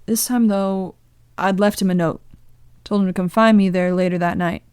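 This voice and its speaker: A woman voicing a young man in his twenties, sheepishly and tenderly recounting a memory in halting confessional storytelling. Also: medium pitch, steady tone, a little mellow, clear, resonant tone, no room sound, clean studio sound, lightly acted. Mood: wistful.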